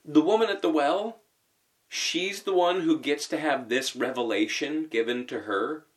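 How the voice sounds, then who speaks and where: A man's voice: a little high, measured pace. A man giving a conversational sermon, posing rhetorical questions and thinking aloud with fillers as he teaches. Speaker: preacher.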